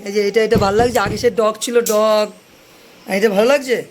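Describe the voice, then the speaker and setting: A woman's voice: medium pitch, fairly even intonation, brisk, a little hiss or hum. A woman chatting playfully with her baby, cheerful and coaxing, repeating simple words. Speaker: mother showing her baby a bedsheet.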